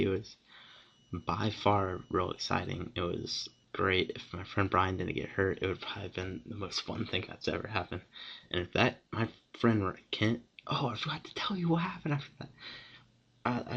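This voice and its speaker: Deep gravelly teenage guy rambling excitedly. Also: normal speed, lo-fi sound. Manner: rambling, excited, full of restarts and "like". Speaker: vlogger. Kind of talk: casual storytelling to camera.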